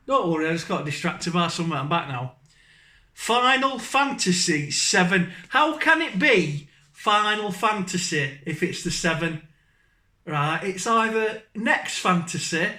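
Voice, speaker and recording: Northern English bloke, gaming YouTuber, blunt and self-mocking, high voice, ranting in a roomy space. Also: male voice, bright, forceful tone. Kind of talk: rambling comic rant to camera.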